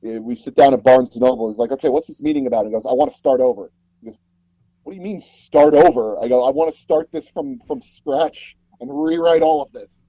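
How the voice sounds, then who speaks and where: Speaking briskly at a medium pitch, a man appears as an interview guest. He is an audio drama producer who tells casual anecdotes and acts out the dialogue he quotes. The recording is dry and the audio sounds dull.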